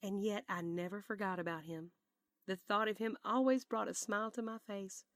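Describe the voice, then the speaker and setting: A woman voicing a spirited, sweet elderly grandmother with a Southern accent, speaking in a lively, drawn-out, sing-song way. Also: mid-range voice, no room sound, clean studio sound, close to an everyday voice. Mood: cheerful. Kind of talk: audiobook character voice.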